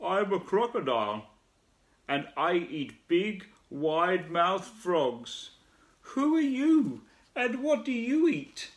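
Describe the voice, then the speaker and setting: A man voicing a lazy, sly female crocodile who drawls slowly in a children's storybook reading. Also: high voice, very animated, voice pushed up, full character voice. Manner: slow, drawling.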